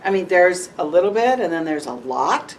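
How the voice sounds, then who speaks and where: A woman's voice: on the low side, very animated, normal speed. A woman being interviewed, talking frankly and with animation, laughing now and then. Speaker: interview guest. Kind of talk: candid conversational interview. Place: event venue with audience tables. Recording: distant mic with faint noise.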